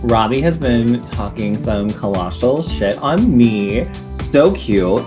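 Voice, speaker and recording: A man's voice: mid-range voice, lively intonation, slow, over music. A man in a game confessional, sassy and gossipy about another player's lies. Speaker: contestant.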